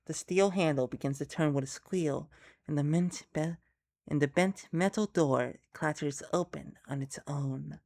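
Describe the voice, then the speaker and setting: A woman co-hosting a reading of an interactive webcomic, narrating slowly and deliberately with occasional chuckles. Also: low-pitched, a little mellow. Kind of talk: reading a comic aloud with a co-host.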